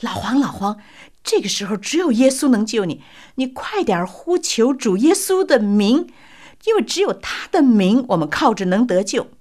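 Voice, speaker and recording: A fervent male pastor, put on by a woman telling the story, calling out prayers and urging on a suffering man. His voice rings high and forceful with exhortation. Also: sing-song, normal speed.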